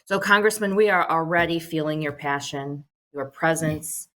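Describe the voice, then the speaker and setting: Low-voiced middle-aged woman, earnest remarks. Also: normal speed, fairly bright tone. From United States. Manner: earnest, many "um" fillers. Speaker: social services agency leader. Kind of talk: prepared remarks on a telephone town hall.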